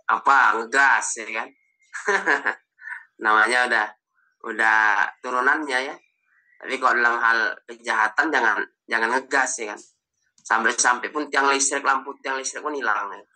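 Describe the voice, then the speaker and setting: A man's voice: mid-range voice, pushed and bright. A man, preaching informally in an online study session with jokes and trailing restarts. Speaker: Islamic preacher.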